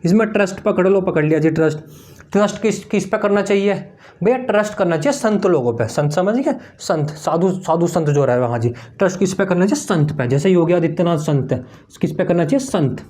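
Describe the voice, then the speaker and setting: A man's voice: sits high, lively intonation, a little fast, a little mellow. A man of teaching exam memory tricks, repeating each answer as a question-and-answer drill while writing on a board. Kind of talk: mnemonic tricks lesson.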